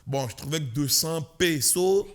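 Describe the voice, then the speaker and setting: A man with a Québécois accent, a guest comedian telling an animated, slangy story on a podcast. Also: fairly high pitch, unhurried. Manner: slangy, punchy, mixes English words in.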